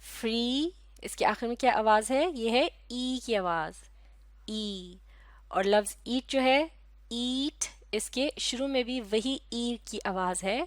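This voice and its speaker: A woman's voice: fairly high pitch, no room sound. Methodical woman teaching English sounds. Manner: measured, methodical, self-correcting. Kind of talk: explanatory lesson on phonetics.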